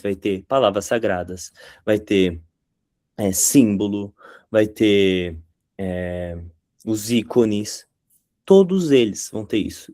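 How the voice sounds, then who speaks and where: A man's voice: medium pitch, darkish tone, dry recording. Man teaching in a dry close sound. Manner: conversational, with quick impressions of catchphrases. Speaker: content creation teacher. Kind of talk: explanatory talk to camera.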